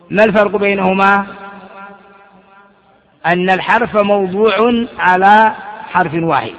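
A man's voice: high-pitched, a bit bright. A man teaching an Arabic grammar class, quizzing his students with questions and correcting their mistakes, often repeating phrases. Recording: dull lo-fi recording with long reverb.

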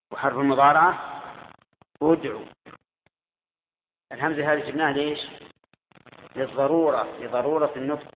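A man's voice: mid-range voice, a little hiss or hum. A man teaching a grammar class, quizzing his students and repeating their answers. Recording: tinny echoey hall recording.

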